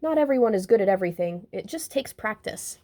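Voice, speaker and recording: Kindly old grandpa owl from a storybook, woman reading him, gentle but firm, patient. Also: mid-range voice, animated, brisk, natural voice.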